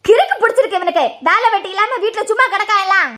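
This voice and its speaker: A performer voicing a harsh, scheming mother-in-law in a cartoon series, scolding in a sharp-tongued way with a Kanyakumari Tamil accent. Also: very high-pitched, very fast.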